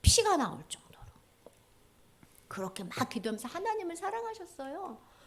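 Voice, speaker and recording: A woman junior pastor delivers an animated storytelling sermon. Her voice is high and very expressive, and she slips into the voices of the characters as she speaks. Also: normal speed.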